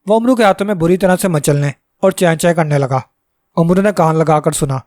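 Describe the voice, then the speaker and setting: A male storyteller reading a fantasy tale in a steady, dramatic way. His voice is fairly high, and the recording is dry and close, with no room echo. The pace stays even throughout the reading. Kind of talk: storybook narration.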